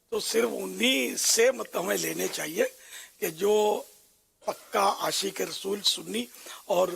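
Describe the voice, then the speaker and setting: Male religious speaker, high and husky, loose and chatty delivery with fillers. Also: a bit bright. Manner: conversational, rambling with fillers. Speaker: religious scholar. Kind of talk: religious talk.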